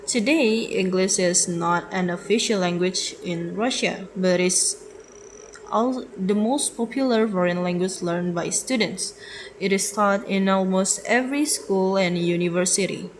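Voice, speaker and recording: Slow, hesitant young woman presenting slides. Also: medium pitch, a little hiss or hum, poor audio. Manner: hesitant, with fillers and self-corrections. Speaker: student presenter. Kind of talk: class presentation reading slides.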